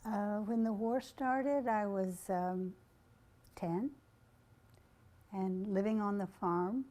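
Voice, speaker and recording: Older woman, oral history, earnest and reflective, slow, mellow tone. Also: mid-range voice, steady tone.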